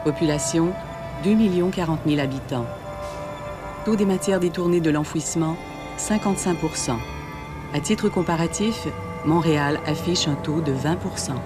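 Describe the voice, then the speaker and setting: Measured documentary narrator voice. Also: medium pitch, music in the background.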